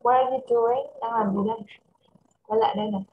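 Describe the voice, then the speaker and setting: A woman with a Vietnamese accent teaching English to a child over a video call, switching between English and Vietnamese and reading English phrases slowly. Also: fairly high pitch, steady tone, narrow, tinny audio, a little hiss or hum. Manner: mixes English and Vietnamese, slow careful English. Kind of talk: online English lesson for a child.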